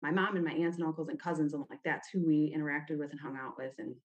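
A low-pitched woman from the United States, raised in Ohio, tells personal stories as a guest in a podcast interview. She talks fast and informally with fairly even intonation, habitually saying "like." The sound is lo-fi.

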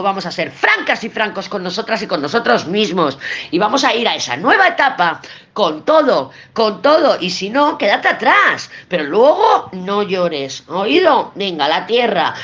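A woman's voice: medium pitch, a bit bright, lo-fi sound. A woman with a Spain Spanish accent giving a weekly tarot reading, blunt and emphatic, swearing and repeating herself for emphasis. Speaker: tarot reader.

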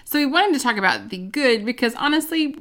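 A woman's voice: high-pitched, expressive, a little fast, a bit bright. A woman, a pastor, co-hosting a casual podcast chat with her husband, speaking candidly and laughing easily.

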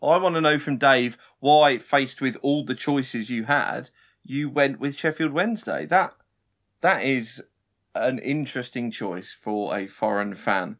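A man's voice: mid-range voice, measured pace, fairly bright tone. A man who co-hosts and produces a podcast. He chats casually with a mid-range voice, laughing often and poking fun at himself. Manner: laughs often, self-mocking. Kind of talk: casual chat.

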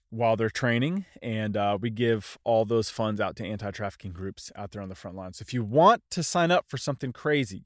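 On his solo podcast, a thirtysomething host talks casually in a single unscripted take, loose and self-deprecating. His medium-pitched voice is a bit bright but slightly congested and nasal. The recording is dry and of studio quality.

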